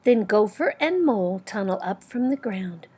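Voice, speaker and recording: An older woman with a grandmotherly, gentle manner, reading a storybook aloud and chatting to young listeners. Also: medium pitch, expressive, normal speed, slightly rough.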